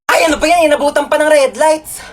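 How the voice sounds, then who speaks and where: Woman doing bossy sassy skit lines, kinda high, noisy recording. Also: fairly even intonation, quick pace. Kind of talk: comedy skit acting.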